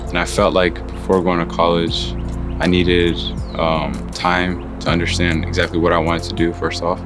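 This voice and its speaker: Young man, from Atlanta, very deep, monotone, measured, sincere. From Atlanta, Georgia. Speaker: seminary student. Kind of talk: personal testimonial. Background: background music.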